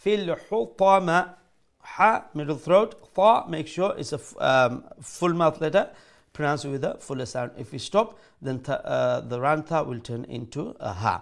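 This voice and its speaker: A man teaching Quran recitation, modelling each word slowly and switching into English to explain. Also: on the high side. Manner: slow, deliberate, repeats words to model pronunciation, mixes English into explanations. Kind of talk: tajweed lesson, letter-by-letter.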